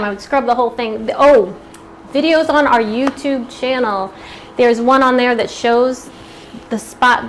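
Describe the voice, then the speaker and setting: A woman's voice: a little high, slight background noise. Chatty woman demonstrating cookware live. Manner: chatty, upbeat, eating while talking. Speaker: cooking demonstrator. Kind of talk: live cooking demo.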